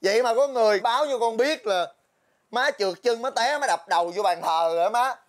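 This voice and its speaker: A woman's voice: fairly high pitch, a little fast, lightly acted. A woman playing a wailing, overdramatic son. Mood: relieved. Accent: Southern Vietnamese. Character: distraught grown son, emotional and dramatic. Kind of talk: comedy skit acting. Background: loud music.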